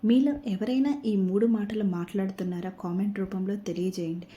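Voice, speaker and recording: A woman's voice: medium pitch, steady tone, brisk, warm tone. A woman narrating a scripted devotional message in an earnest tone, repeatedly addressing the listener as mother.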